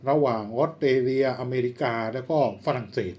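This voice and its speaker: A Thai man teaching a spoken lesson for civil service exam prep, unhurried, often pausing to search for words and spelling out acronyms letter by letter. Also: mid-range voice, a little mellow. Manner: unhurried, searching for words, frequent polite particles. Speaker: exam tutor.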